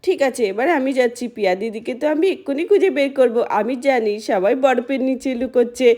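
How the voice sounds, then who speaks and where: A woman's voice: sits high, a little fast, mellow. A woman voicing an eager young boy who calls out as he searches for a friend in a doll-play story for children. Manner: eager, calling out.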